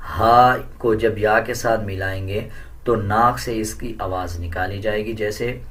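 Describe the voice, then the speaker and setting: Calm explanations of recitation rules give way to slow, melodious chanting of Quran verses, which this man delivers far more loudly than his instruction. His voice is fairly low in pitch.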